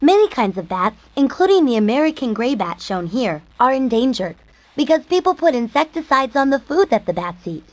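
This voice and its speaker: A woman's voice: high-pitched, sing-song, a little fast, no echo. A woman giving scripted narration for an educational nature program.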